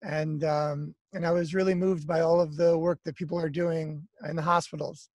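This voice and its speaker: A man's voice: on the high side, moderate pace, no echo. A man in his thirties from the United States, a musician talking casually and apologetically on a video call, with lots of fillers. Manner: relaxed, chatty, apologetic, many fillers. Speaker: guest speaker, musician. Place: outdoors by trees, garden. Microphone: laptop webcam on video call.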